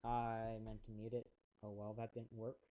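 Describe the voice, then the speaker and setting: A man's voice: on the low side, monotone, normal speed, lo-fi sound. A man giving casual live-stream commentary on a race, chatty and rambling, talking to his chat viewers.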